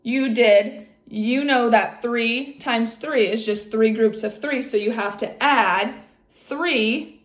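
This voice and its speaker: A woman's voice: fairly high pitch, slow. A woman tutoring a child one-on-one, explaining step by step in an encouraging way and often checking for understanding. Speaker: maths teacher tutoring a child. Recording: echoey, roomy sound.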